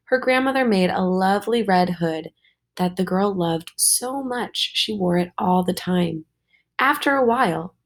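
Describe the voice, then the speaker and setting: A woman teacher reading a storybook aloud to her students, slow and expressive. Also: mid-range voice, gravelly.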